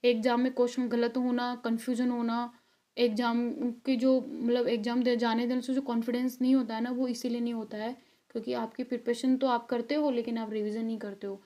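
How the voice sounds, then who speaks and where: Chatty woman teacher, dark voice. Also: on the high side, flat delivery, fairly quick. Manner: chatty, encouraging, coaxing students; frequent check-ins and fillers. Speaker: exam-prep teacher. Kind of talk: recorded video lesson.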